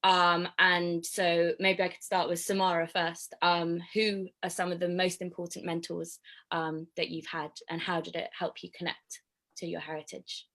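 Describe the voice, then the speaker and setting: A woman's voice: on the low side, flat delivery, normal speed, fairly bright tone. A woman hosting an online panel discussion over a video call, speaking with frequent ums in a friendly, organized way. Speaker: host.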